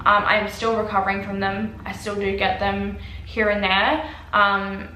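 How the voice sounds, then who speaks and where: A woman's voice: mid-range voice, level tone, normal speed, pushed and bright, a little hiss or hum. A young woman tells a casual storytime vlog, chatty, swearing freely and using many fillers. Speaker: vlogger. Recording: echoey room.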